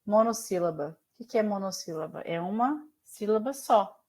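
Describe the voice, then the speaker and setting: A woman with a Brazilian accent leads an online language lesson. Her voice sits at an ordinary middle pitch, and she explains things step by step. She keeps stopping to ask her students questions, as if on a video call. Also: lively intonation, normal speed, a little mellow. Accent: Brazilian Portuguese. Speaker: teacher. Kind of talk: online class lecture.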